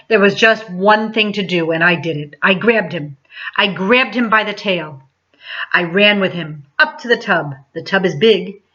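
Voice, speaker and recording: A woman reads a children's picture book aloud with dramatic, emphatic expression, like a teacher addressing a class. Her medium-pitched voice is bright and forceful, and the recording has a dull, lo-fi sound.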